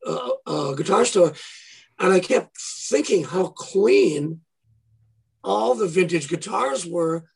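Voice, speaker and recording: A man's voice: high-pitched, slow, vocal fry, husky. A man, a guitarist and former guitar store owner, telling stories in a casual interview and acting out the voices of people in them. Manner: animated storyteller acting out quoted dialogue.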